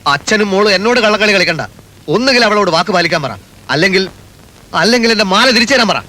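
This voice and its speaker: Sharp-voiced proud young suitor. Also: male voice, high-pitched, expressive, fast, slight background noise, rough recording. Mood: aggrieved. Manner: threatening, emphatic. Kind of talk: Malayalam comedy film acting.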